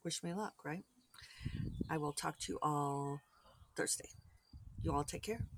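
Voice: medium pitch, unhurried, background noise. An author hosting their own podcast, talking to readers in a rambling, chatty solo update with many restarts and asides. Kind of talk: casual solo podcast chat.

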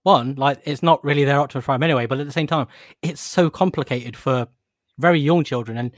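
A man chatting casually on a podcast, animated, jokey and nostalgic. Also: mid-range voice, fairly quick, no echo, clean studio sound. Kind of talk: casual chat about collectible toys.

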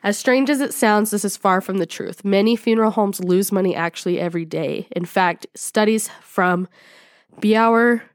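A woman podcast co-host with a slightly rough throat from being sick, reading an article aloud in a chatty, giggly way. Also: medium pitch, normal speed, no echo, clean studio sound. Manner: chatty, giggly, many "like" fillers.

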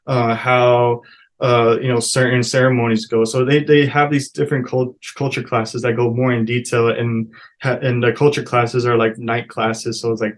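Even-toned man. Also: medium pitch. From United States, partly a Navajo reservation. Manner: halting, repeats and rephrases as he goes. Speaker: interview guest, college student. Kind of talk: casual personal recollection.

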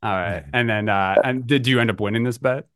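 Male podcast host, mid pitch, easygoing interviewer, dry close sound. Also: a little fast, fairly bright tone, dry recording. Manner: easygoing, laughs often, asks short questions. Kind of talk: casual interview.

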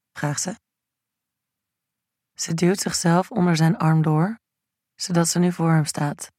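Slow, level male erotic-story narrator. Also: on the high side, no room sound, studio quality. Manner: slow, even, intimate reading.

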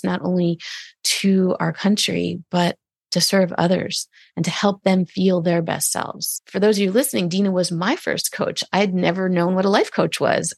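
A woman's voice: mid-range voice, gravelly, husky, no echo, clean studio sound. A middle-aged woman hosting a podcast interview, effusive and affirming, often repeating phrases for emphasis. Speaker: podcast host. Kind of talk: warm interview chat.

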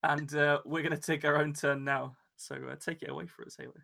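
A man co-hosting a podcast, chatting casually and halting often, with many restarts and filler words. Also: on the high side, little pitch movement, gravelly, bright, forceful tone. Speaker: podcast co-host. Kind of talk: casual chat.

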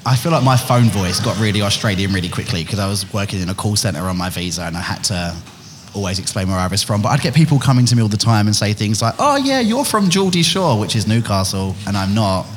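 A man's voice: lowish voice, quick pace, slight background noise. A man with an Essex accent, hosting a podcast in casual, jokey chat with guests around a table. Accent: Essex English. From England. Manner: chatty, jokey, playful. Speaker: podcast host.

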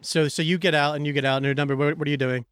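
A man's voice: a little high, steady tone, very fast, fairly bright tone, clear, resonant tone, no echo, studio quality. A man narrating as game master of a tabletop role-play, joking and loose, often restarting phrases.

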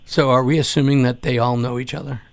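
A man hosting a casual interview, joking and teasing with quick questions. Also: medium pitch, level tone. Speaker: host.

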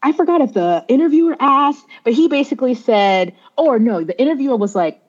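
A woman co-hosting a podcast chats casually, retelling stories and quoting people in their voices as she goes. Her voice is high-pitched, animated and brisk with a darkish tone, and the lo-fi recording sounds dull.

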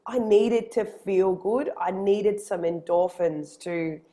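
An Australian woman, a personal trainer, chatting casually on a podcast. Her voice carries strongly, as though projected to the back of a room, and she talks with lively energy. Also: mid-range voice. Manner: lively and quick when excited.

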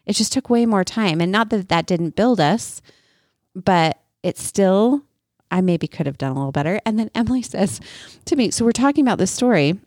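Animated woman storyteller, dry close sound. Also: mid-range voice, no echo. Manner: animated, acts out family members' voices in her retelling. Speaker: podcast co-host. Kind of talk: casual storytelling chat.

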